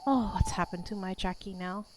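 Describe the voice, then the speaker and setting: A woman's voice: medium pitch, normal speed, lightly acted. A woman reading a worried old village elder. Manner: weary, pleading, then gruff. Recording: noisy recording.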